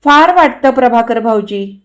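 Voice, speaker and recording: A woman voicing a loyal, easygoing male friend in a read-aloud story, who speaks in a calm, reasoning tone. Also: on the high side, unhurried, natural voice. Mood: friendly.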